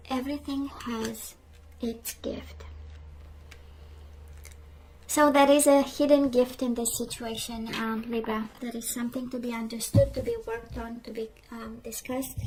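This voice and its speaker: A woman with a voice that is going hoarse, chatting casually through a tarot card reading and often asking "right?". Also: on the high side, noisy background. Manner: chatty, reflective, frequent "right?" and "we do have". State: losing her voice, clearing throat. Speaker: tarot reader.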